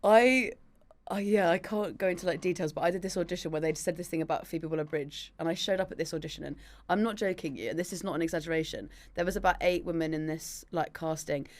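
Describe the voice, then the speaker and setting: A young woman from Leeds, a podcast guest telling stories in casual chat, animated and quick to laugh. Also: fairly low pitch. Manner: giggly, animated storyteller.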